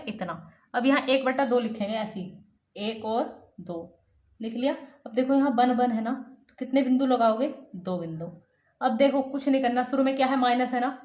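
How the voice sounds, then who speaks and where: A woman's voice: sits high, echoey room. A woman teaching a step-by-step math lesson, asking her students questions and answering them herself.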